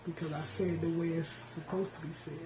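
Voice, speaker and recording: A man's voice: on the high side, level tone, brisk, a little mellow, a little hiss or hum. Blunt, profane man co-hosting a chat show. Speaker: podcast co-host. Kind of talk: casual opinionated chat. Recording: roomy sound with faint music.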